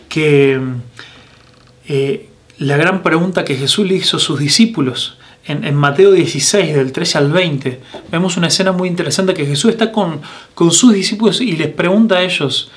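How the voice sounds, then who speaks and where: Earnest Rioplatense pastor, higher voice. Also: male voice, fairly bright tone. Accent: Rioplatense Spanish. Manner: earnest, asks many direct questions, frequent restarts and fillers. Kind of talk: sermon. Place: church broadcast, recorded for online meeting.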